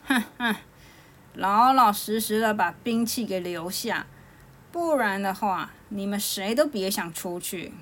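A woman voicing a proud, gruff male mountain god who sneers at two small children in a storybook tale. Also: medium pitch, lively intonation, unhurried, fairly bright tone. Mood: scornful. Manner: scornful, sneering.

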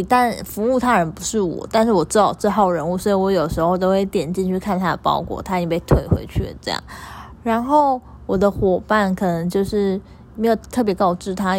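A young woman, a store clerk telling her followers a story in a chatty, animated way and repeating things for emphasis. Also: mid-range voice.

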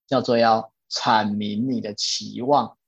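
A man in a relaxed podcast conversation talks through a book's ideas step by step, patient and steady. His voice sounds a little husky. The recording is dry and slightly dull. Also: lowish voice, takes it slowly, dry recording. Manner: patient, steady, repeats key points. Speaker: podcast host. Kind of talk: explaining a self-help book in casual chat.

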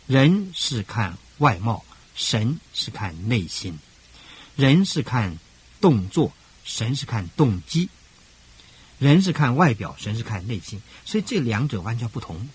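An older man preaching a radio sermon as pastor, emphatic, with rhythmic parallel phrasing and sudden rises in pitch. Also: very animated, a little slow, breathy edge.

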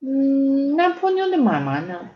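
A woman voicing a cheerful young mother in a storybook reading, with a brisk, motherly manner. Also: high-pitched, wildly swooping pitch, echoey room, voice pushed up, heavily acted. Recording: slightly dull lo-fi audio.

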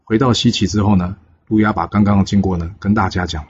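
Brief: lively male storyteller, deep and raspy. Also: fast. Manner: lively, with exclamations and filler particles. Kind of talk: oral storytelling of a legend. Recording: dull lo-fi recording.

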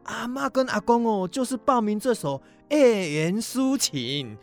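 A woman voicing a cheerful old grandmother with a Taiwanese accent, chattering fast and folksy, in a smooth voice. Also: a little high, lively intonation, soft background music. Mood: jolly, coaxing. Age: older. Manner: rapid, chuckling folksy chatter.

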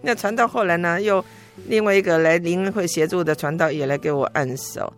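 A middle-aged woman earnestly telling her faith testimony as an interview guest, emotional and halting with frequent restarts. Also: on the low side, soft background music.

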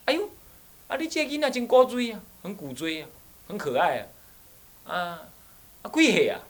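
Man doing an old Taiwanese woman, Hokkien accent, high voice, sing-song, coaxing, insistent. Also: animated, moderate pace.

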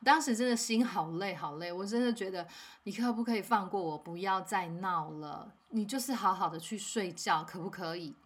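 A mother hosting a parenting podcast, telling a home story in a calm, measured way with soft, weary asides. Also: medium pitch, slightly rough.

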